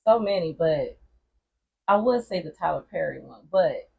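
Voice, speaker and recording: A woman chatting on a casual podcast, talking in an animated way and filling her sentences with "like". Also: on the low side, moderate pace, creaky, breathy edge, muffled recording. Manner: animated, chatty, lots of "like" fillers. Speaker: podcast panelist. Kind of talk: casual chat about TV shows.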